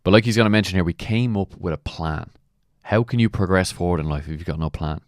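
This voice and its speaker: A man's voice: deep voice, quick pace, dry recording, studio quality. A man speaking as a mentor, giving motivational commentary with emphatic points and rhetorical questions. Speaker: mentor and coach. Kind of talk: motivational commentary on a client testimonial.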